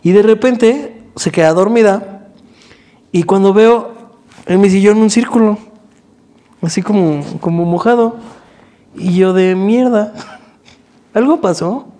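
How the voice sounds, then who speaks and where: A man with a Mexican accent in a casual chat, easygoing and quick to chime in while others talk. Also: high-pitched, dark tone. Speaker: podcast co-host.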